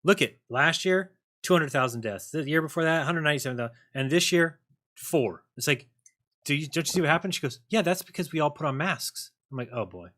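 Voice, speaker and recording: Hosting a call-in program, a man talks a little fast in a rather high voice. He is lively and jokey with his callers, throwing in sarcastic asides as they chat.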